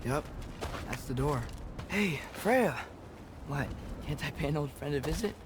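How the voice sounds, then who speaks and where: High-voiced, earnest teenage adventurer. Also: male voice, expressive, unhurried, noisy background. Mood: musing. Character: earnest, stubborn teenage boy adventurer in a fantasy game. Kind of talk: video game dialogue.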